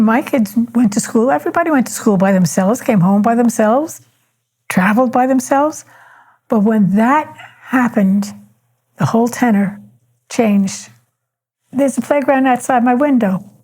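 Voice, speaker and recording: Older woman, higher-pitched, very mellow soft-edged tone, calm and measured, reflective personal storytelling. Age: older, 70s or above. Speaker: elder interviewee.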